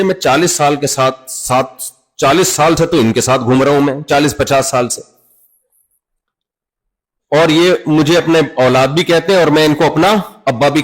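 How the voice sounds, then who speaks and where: Over a rough recording, a man with a fairly high pitch preaches an Islamic sermon in an Urdu-speaking Pakistani accent. His style is conversational, with small acted-out dialogues and everyday examples.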